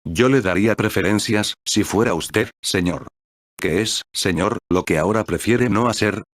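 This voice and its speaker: A man voicing a sour, ill-tempered clerk who snaps gruffly in a storybook reading. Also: on the low side, moderate pace, no echo, close to an everyday voice. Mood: irritated. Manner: shouting, gruff.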